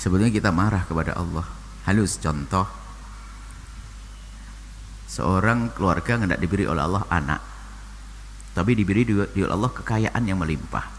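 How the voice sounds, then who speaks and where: A man preaching and answering a listener's question, talking in an animated way that swings from low and soft to high exclamations. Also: normal speed, pauses often. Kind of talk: sermon. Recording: long hall reverb, faint noise.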